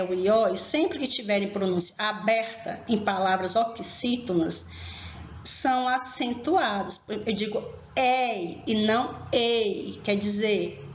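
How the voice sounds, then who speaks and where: A fairly high-voiced woman teaches a grammar lesson, stressing each point slowly and turning to her students with questions. Her voice rings in a reverberant room, and the recording sounds muffled and lo-fi. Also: slight background noise. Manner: slow, emphatic explaining, addresses students directly. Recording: echoey room, dull lo-fi sound.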